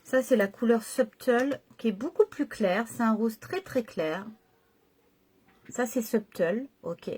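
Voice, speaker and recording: A woman's voice: fairly high pitch, slow, a little mellow, husky. A middle-aged woman chatting casually through a makeup tutorial at home, hesitating and correcting herself as she goes. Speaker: makeup vlogger.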